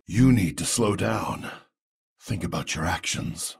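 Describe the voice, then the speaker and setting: A gruff old soldier from a video game, very husky and slow. He is stern and weary, with a deep gravelly voice. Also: lively intonation, full character voice. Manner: stern, measured.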